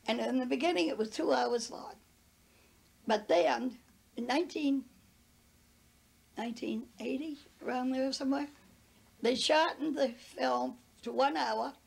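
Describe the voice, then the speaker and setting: An older woman with a New England accent recounts events in an interview, earnest and anecdotal. Her voice is high, gravelly and breathy. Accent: New England American. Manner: earnest, anecdotal, quotes others in retelling. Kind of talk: casual storytelling in an interview.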